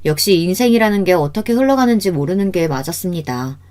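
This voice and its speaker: A woman giving a measured, scripted first-person story narration. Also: fairly low pitch, animated, a little mellow.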